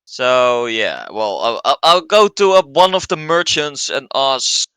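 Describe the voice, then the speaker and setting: A man's voice: mid-range voice, lively intonation, unhurried, fairly bright tone, clear, resonant tone, dry recording, poor audio. A man with a Flemish accent playing in a tabletop game, stammering and repeating words. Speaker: player.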